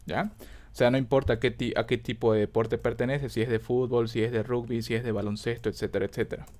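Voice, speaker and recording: A man's voice: medium pitch, flat delivery, fast talker, a little mellow. A man teaching a database lesson over a screen recording, explaining step by step, thinking aloud, correcting himself and often checking that students follow.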